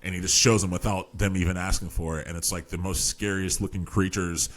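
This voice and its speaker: Deep-voiced man rambling about a book. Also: steady tone, fairly quick. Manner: rambling, lots of fillers and restarts. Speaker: podcast host. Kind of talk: casual book discussion.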